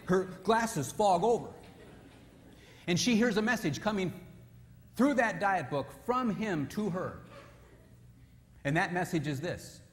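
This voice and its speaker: High-voiced male preacher in a reverberant church. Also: measured pace, long pauses, a little hiss or hum. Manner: animated storytelling, drops low and quiet for emphasis. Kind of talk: sermon. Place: church sanctuary. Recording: long church hall reverb.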